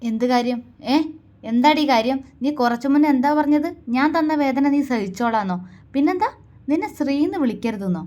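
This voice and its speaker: A woman's voice: medium pitch, fairly quick, close to an everyday voice. A woman voicing a proud, hot-tempered young husband. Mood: angry. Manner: sharp, raised and scolding. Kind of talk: storybook reading.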